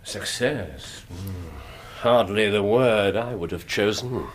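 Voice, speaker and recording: In a radio drama, a male actor voices a brilliant Victorian English detective, laying out explanations with theatrical precision. His fairly low voice moves slowly, in a subdued, wry mood.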